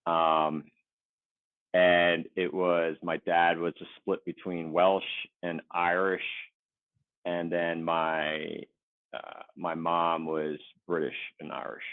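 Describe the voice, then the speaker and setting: A man in his forties from the Philadelphia suburbs, chatting casually as an interview guest in a relaxed, rambling, self-deprecating way over a remote call. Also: low-pitched, slow, no room sound. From Philadelphia suburbs, USA. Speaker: guest, Navy veteran. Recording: tinny phone-like dry line.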